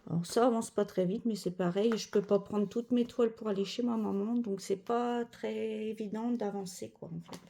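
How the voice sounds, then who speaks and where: A woman's voice: medium pitch, fairly even intonation, normal speed, vocal fry, few pauses, warm tone, a little hiss or hum. A woman chatting casually as a cross-stitch vlogger, rambling with many fillers and self-corrections. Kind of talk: casual chat.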